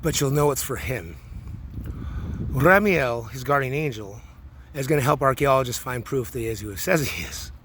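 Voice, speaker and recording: A man's voice: mid-range voice, animated, moderate pace, fairly bright tone, slight background noise. A man in his forties talking through a rambling personal monologue, full of restarts and repeated words. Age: 40s. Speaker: vlogger.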